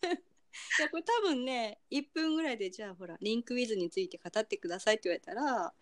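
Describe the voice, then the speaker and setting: A woman's voice: a little high, animated, fast talker, dry recording. A young woman co-hosting a casual chat over a call, chatty and laughing often. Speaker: podcast co-host. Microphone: remote call recording.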